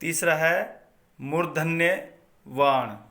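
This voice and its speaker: A man teaching a Sanskrit phonetics lesson, reciting each grammar rule slowly and then repeating it. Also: on the high side, fairly even intonation, pushed and bright.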